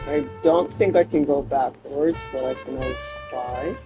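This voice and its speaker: A man with a hoarse voice giving rambling, casual commentary as he plays a game. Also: medium pitch, a little slow, music in the background. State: hoarse after recent surgery. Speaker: game streamer.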